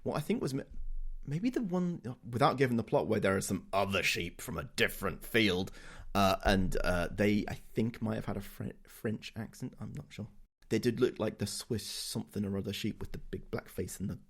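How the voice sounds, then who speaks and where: A man's voice: fairly low pitch, normal speed, husky. Male co-host, casual rambling chat, chuckles, trips over words. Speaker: podcast co-host.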